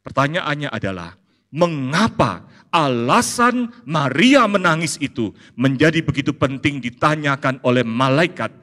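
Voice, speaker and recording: Man, pastor preaching, animated, playful, bright voice, long church-hall reverb. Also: measured pace. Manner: animated, playful, rising to high emphatic peaks and dropping to soft asides. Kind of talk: sermon.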